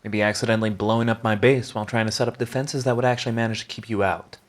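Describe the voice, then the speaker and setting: Casting: male actor as prickly, begrudgingly charming villain for audio roleplay. Low register, sardonic, theatrical teasing. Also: steady tone, natural voice. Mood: sarcastic annoyance. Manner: sardonic, theatrical teasing, drawn-out mocking delivery. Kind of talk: scripted ASMR roleplay audio drama.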